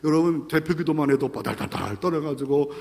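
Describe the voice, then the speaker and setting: High-voiced male pastor preaching in a reverberant hall. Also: a little fast, gravelly. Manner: animated, dramatic storytelling. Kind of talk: sermon.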